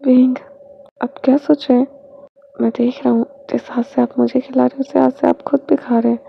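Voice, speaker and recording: A woman doing a soft-spoken tender young man. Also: little pitch movement, brisk, gravelly, a little hiss or hum. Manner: soft, low and hushed. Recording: dull lo-fi recording.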